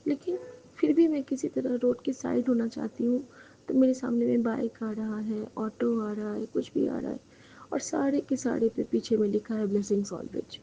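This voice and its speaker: A woman recounts her dream as a devotional testimony, speaking earnestly and straight to her fellow devotees. Her voice sits a little high, yet it is dark, mellow and gravelly. The recording is dull and lo-fi, with faint noise underneath. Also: steady tone, normal speed. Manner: earnest and devout, addresses listeners directly. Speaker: devotee sharing a dream with the congregation. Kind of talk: spoken testimony, retelling a dream.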